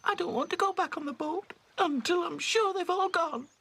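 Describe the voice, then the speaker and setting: A man's voice: very high voice, normal speed, vocal fry, pushed and bright, slight background noise, pitched above the performer's own voice, full character voice. A man voicing a fretful little girl rag doll in a cartoon, anxious and given to wailing. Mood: worried.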